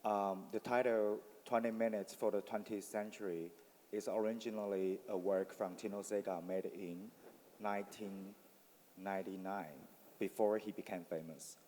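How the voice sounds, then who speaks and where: Male panelist, low mellow voice, reflective and explanatory, reverberant hall. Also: steady tone, normal speed, a little hiss or hum. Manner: reflective, explanatory, many fillers. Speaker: artist on a panel. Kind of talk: panel talk. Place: forum venue with audience.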